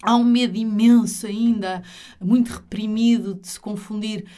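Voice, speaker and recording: A woman's voice: medium pitch, steady tone, normal speed, warm tone. Earnest Portuguese woman explaining in an interview. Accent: European Portuguese. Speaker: interview guest, retreat leader.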